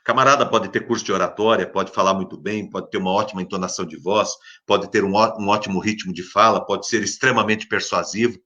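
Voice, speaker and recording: A male preacher with a Brazilian Portuguese accent delivers a devotional sermon in a bright, ringing voice. He hammers his points home by repeating them, rising to loud emphasis and then dropping to hushed words. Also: fairly low pitch, steady tone, fast, hardly any pauses.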